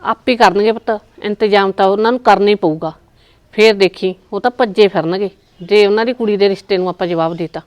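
A woman's voice: mid-range voice, a little fast, lightly acted. A woman playing a greedy, demanding groom's mother. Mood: scolding. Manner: blunt, demanding, haughty.

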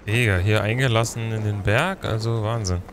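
A man's voice: lowish voice, fairly even intonation, moderate pace, noisy background. A young man gives casual, slangy, laid-back commentary while playing a game. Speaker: let's player. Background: game music and sounds.

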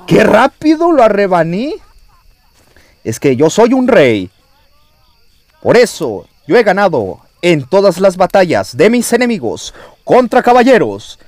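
A man with a Mexican Spanish accent giving excited gameplay commentary as a YouTuber, taunting opponents and yelling at the screen. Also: high voice, measured pace, no echo. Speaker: gaming YouTuber.

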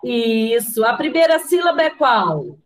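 A Brazilian woman with a high voice teaches young children over a video call from a computer. She speaks slowly and patiently, spelling words out syllable by syllable and asking the class questions. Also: very animated, low-quality recording. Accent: Brazilian Portuguese. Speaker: primary school teacher.

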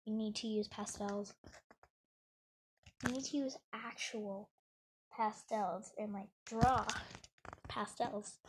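Slow, chatty young female gamer. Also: mid-range voice, steady tone, heavy background noise. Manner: chatty, narrates her own actions. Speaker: gamer playing a roleplay game. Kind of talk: casual gameplay commentary.

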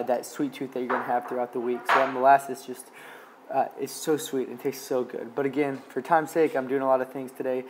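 A man's voice: medium pitch, slight background noise. A young man, a medical student, talking viewers through his grocery shopping and meal prep in a casual, upbeat, instructive vlog, often checking in with "okay?". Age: young adult. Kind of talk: casual how-to vlog narration. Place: home kitchen indoors and grocery store.

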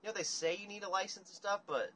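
A man's voice: sits high, quick pace, a little hiss or hum. Profane, rambling man ranting on a livestream. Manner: rambling, profane, animated rants. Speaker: livestream host. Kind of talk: casual livestream chat. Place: dim room indoors. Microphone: phone camera at table.

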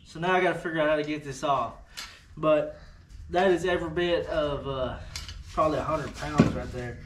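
A video host with a slightly high voice talks at a moderate pace, rambling and offhand with many fillers, while casually unboxing and testing gear. The setting is his workshop near a truck, and the background is noisy.

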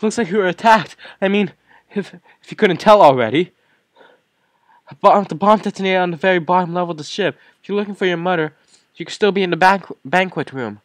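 Man doing a high, urgent shipmate. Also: brisk, no echo, natural voice.

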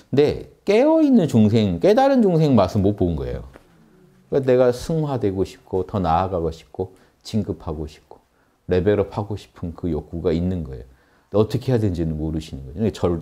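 Male meditation teacher, low mellow voice, earnest lecturing delivery with repeated phrases. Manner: earnest, repetitive, rising emphasis on key words. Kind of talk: spiritual lecture.

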